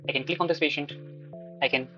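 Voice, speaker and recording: A man's voice: fairly high pitch, steady tone, quick pace, pushed and bright, dull audio, faint music behind. Indian-accented man presenting a step-by-step demo. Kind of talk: live product demo walkthrough.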